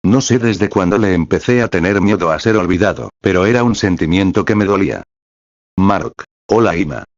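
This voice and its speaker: A man narrating a story aloud at a slow, even pace. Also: sits low, no room sound, muffled recording.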